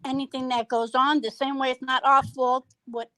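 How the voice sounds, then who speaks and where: A woman's voice: high-pitched, little pitch movement, normal speed, pushed and bright, no echo. A woman on an online voice chat panel, blunt and profane as she argues. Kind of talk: casual heated panel talk.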